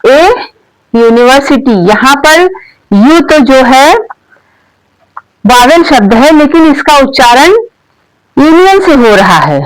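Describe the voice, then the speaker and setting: A woman teaching English grammar, asking questions and answering them herself, repeating each point, checking in with frequent "okay"s, and saying the English example words slowly. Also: high-pitched, expressive, no room sound, low-quality recording. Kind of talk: explanatory grammar lesson for learners.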